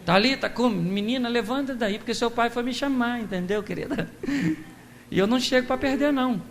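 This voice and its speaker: A Brazilian man voicing a calm, gently reassuring male healer inside a sermon, speaking in a soft, matter-of-fact way. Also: very high voice, fairly quick, a little hiss or hum. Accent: Brazilian Portuguese.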